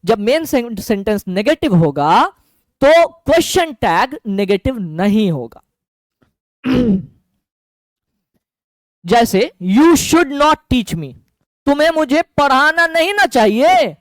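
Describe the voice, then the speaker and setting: A man with a Bihari Hindi accent teaching English grammar in an online lesson, drilling each form slowly and over again. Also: extremely high pitch, dry recording. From Bihar, India. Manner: slow, repetitive drilling with lively rising and falling intonation.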